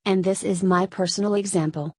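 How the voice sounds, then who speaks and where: A Spanish woman, a native Spanish speaker, explaining Korean grammar in English with a Spanish accent, in steady step-by-step scripted narration. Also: medium pitch, a little fast, dry recording. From Spain. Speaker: Korean language teacher.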